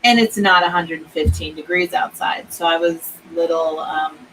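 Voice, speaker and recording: A woman's voice: on the low side, steady tone, moderate pace, a bit bright, slight background noise, rough recording. A woman hosting a casual writing chat over a video stream, talking in loose, laughing stories with trailing restarts.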